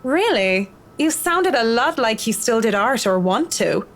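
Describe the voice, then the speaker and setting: A woman's voice: a little high, very animated, measured pace, pitched above the performer's own voice. A woman voicing a blunt, cynical woman interior designer who speaks dryly and curtly in a visual novel read aloud. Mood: lecturing. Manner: dry, curt and lecturing.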